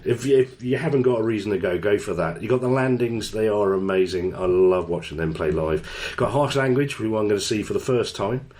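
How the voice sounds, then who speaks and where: A man's voice: lowish voice, animated, a little fast, few pauses, darkish tone. A man hosting a radio show, chatting casually and joking at his own expense. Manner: chatty, self-deprecating. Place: radio studio.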